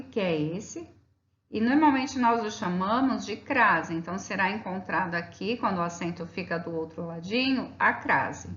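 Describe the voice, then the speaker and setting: A woman teaching a grammar lesson, walking through slides patiently and stretching out example words slowly. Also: medium pitch, a bit bright. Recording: roomy, dull lo-fi sound.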